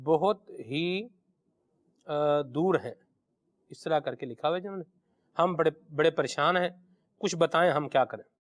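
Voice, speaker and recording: A man's voice: on the high side, long pauses. A man hosting a religious call-in show, reading viewer messages and telling anecdotes in a respectful, affirming way. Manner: respectful, affirming, hesitant fillers when reading.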